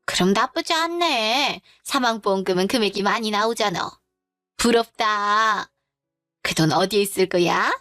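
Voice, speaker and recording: A woman's voice: medium pitch, a little slow, pushed and bright, no echo, clean studio sound, faint music behind. A woman voicing a rude, scornful middle-aged mother-in-law who talks in a blunt, dismissive way in a dramatized story.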